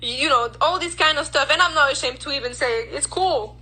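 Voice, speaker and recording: Bright-voiced woman, halting emotional account. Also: sits high, poor audio. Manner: halting, with restarts and quoted dialogue. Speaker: interviewee telling her story.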